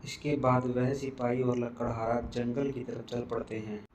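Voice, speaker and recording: Flat-toned man narrating a cartoon story. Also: medium pitch, unhurried. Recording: noticeable background noise.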